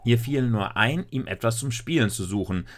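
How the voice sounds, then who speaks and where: A man narrating a children's story in a lively, expressive way. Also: mid-range voice, moderate pace. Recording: noisy recording with clicks.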